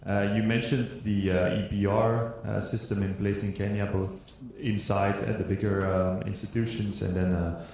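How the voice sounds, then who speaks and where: Deep-voiced man asking a question. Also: flat delivery, moderate pace, vocal fry, hardly any pauses, a little mellow, a little hiss or hum. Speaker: audience member asking a question. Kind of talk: conference question. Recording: echoey conference hall.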